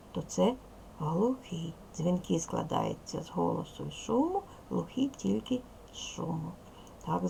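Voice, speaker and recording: Gravelly-voiced woman teacher quizzing children. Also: on the low side, darkish tone, a little hiss or hum. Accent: Ukrainian. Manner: patient, questioning, prompting children with repeated questions. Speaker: primary school teacher. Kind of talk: classroom lesson, addressing young pupils. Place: classroom.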